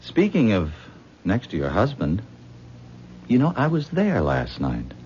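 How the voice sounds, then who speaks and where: A modest, admiring man in a 1970s radio drama. His very deep voice moves lively and sounds earnest as he talks himself down. The old broadcast recording is dull with a faint hiss. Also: unhurried. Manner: self-deprecating, earnest. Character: modest, admiring kind man, new friend.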